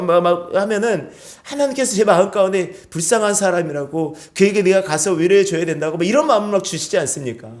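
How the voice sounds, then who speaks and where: Male pastor, fairly high-pitched, preaching in church, keeps prompting the congregation with questions. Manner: asks the congregation questions and calls for amens. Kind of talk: sermon. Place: church sanctuary.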